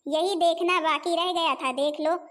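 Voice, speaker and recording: A woman voicing a nagging, dramatic older mother-in-law who scolds loudly in a homemade cartoon. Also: extremely high pitch, steady tone, normal speed. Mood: wailing.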